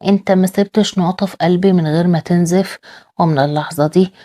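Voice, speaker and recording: A woman's voice: lowish voice, fairly even intonation, quick pace, warm tone, close to an everyday voice. A woman with an Egyptian accent reading the lines of a bitter, defiant young mother. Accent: Egyptian Arabic.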